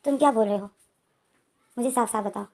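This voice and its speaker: A woman voicing a calm, puzzled young man in a retold story, reading his lines plainly in her own mellow voice. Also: fairly high pitch, brisk. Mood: earnest.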